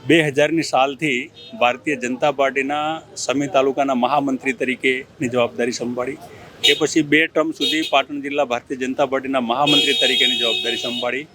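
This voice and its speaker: A middle-aged man answering interview questions as a district party president, earnest, formal and measured. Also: medium pitch, steady tone, a crowd in the background.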